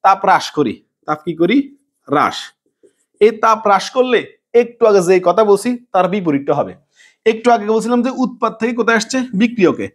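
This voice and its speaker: Male chemistry teacher, fast and high-pitched, quizzes the class then answers softly himself. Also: sing-song. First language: Bengali. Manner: asks questions and answers them himself, repeating key words; drops to a low soft voice on answers. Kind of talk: classroom lecture.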